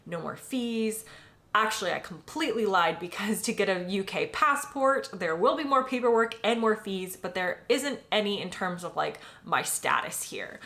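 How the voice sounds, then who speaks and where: A chatty American woman in her late twenties vlogs to camera in a loose, conversational way. She leans on "um" and "like" as she talks, and her voice sits at a middle pitch for a woman. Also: a bit bright. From United States. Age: late 20s. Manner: chatty, filler-heavy, often says "like" and "um". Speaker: vlogger. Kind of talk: casual personal vlog.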